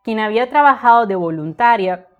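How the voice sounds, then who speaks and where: A woman's voice: on the high side, expressive, fairly quick, smooth, narrow, tinny audio, faint music behind. Earnest woman giving a literature talk. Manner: earnest, conversational, many filler eh's. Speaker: literature tutor and channel host. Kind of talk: live-stream literature talk.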